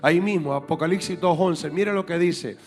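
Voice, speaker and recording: High-voiced emphatic male preacher. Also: moderate pace, long reverb tail. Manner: emphatic, repeats key points for the congregation. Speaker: apostle and preacher. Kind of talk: sermon. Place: church sanctuary.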